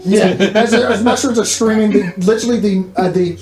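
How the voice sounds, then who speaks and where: A game master improvising tabletop game narration in a halting but animated storytelling manner. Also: mid-range voice. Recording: echoey room with faint music.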